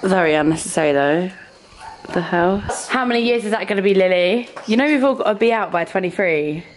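Wry young woman, animated, noisy audio. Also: on the low side, a little fast. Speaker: camera operator chiming in. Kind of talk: casual banter. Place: walking around a holiday villa. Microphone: close behind the handheld camera. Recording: noisy handheld camera audio.

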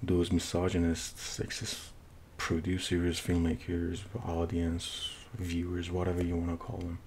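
A middle-aged man with a thick Persian accent talks through a casual film review in a low, fairly flat voice. He goes slowly and haltingly, restarting phrases as he hunts for words. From Iran. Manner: halting, searching for words with repeated false starts. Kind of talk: casual unscripted movie review. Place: small home office, indoors. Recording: noisy room recording with low rumble.

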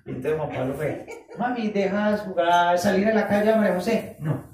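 A man preaching a sermon, animated, acting out quoted voices and drawing out phrases for emphasis. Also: high-pitched, brisk, slight background noise. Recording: echoey room, voice from far off the mic.

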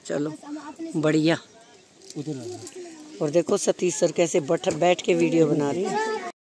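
A woman travel vlogger chatting excitedly and teasing others outdoors at a hill adventure spot. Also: fairly low pitch, slow. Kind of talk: casual vlog chat. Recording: crowd chatter behind.

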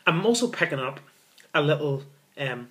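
Filmed on a camera in front of him in a small room, this beer reviewer and channel host in his thirties has a fairly high, expressive, slightly bright voice at a moderate pace. The recording is low quality. He is excitable and repetitive, often addressing viewers as folks.

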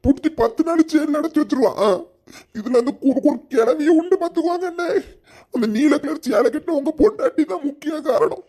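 A performer voicing an aggrieved, sarcastic middle-aged village banana seller, in a cartoon. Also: male voice, extremely high pitch, brisk, warm tone. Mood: bitter sarcastic. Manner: sarcastic, complaining.

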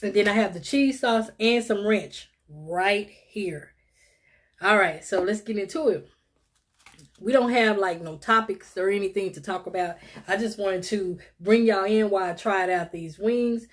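A woman's voice: mid-range voice, measured pace. A woman, chatting casually to viewers while eating in a mukbang vlog, calling them y'all and little sis. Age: 50s. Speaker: mukbang vlogger.

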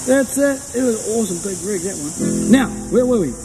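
A man with a broad Kiwi accent and a high voice chats away in colloquial, exclaiming stage patter. He sounds like a folksy entertainer on an outdoor microphone, with long reverb on the voice and music clearly behind him. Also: expressive, brisk. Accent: broad New Zealand Kiwi. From New Zealand. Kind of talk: folksy stage patter between sung lines. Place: outdoors on a hilltop above the sea. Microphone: microphone on a stand. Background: guitar music.

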